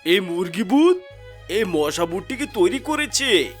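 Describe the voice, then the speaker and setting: A man's voice: high-pitched, sing-song, a little slow, faint music behind. A man voicing a boastful, exclamatory tantric sorcerer in a children's cartoon. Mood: resolute. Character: boastful male tantric sorcerer, friendly ghost-catcher.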